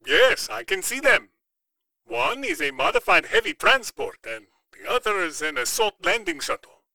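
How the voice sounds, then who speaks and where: A man putting on a high, creaky alien merchant. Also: wildly swooping pitch, normal speed, pushed and bright, no echo, full character voice, rough recording. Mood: wary. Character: alien male merchant, cautious and businesslike.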